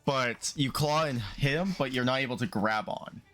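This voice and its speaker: A man acting as game master for a tabletop game, relaxed and casual, laughing and swearing freely. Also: medium pitch, normal speed. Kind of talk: running a tabletop game over a call.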